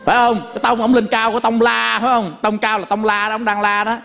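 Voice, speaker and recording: A man's voice: high voice, monotone, quick pace, vocal fry, pushed and bright. A man giving a folksy Buddhist Dharma talk to lay listeners, tagging each point with a rhetorical question and a joke. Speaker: Buddhist preacher.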